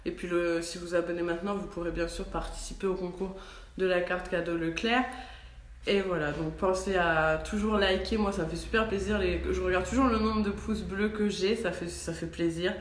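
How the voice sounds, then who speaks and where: A young mother from France vlogs casually from her home kitchen on a handheld phone, chatting with many fillers and restarts. Her voice sits on the low side, steady and at normal speed, and the recording is reverberant with slight background noise.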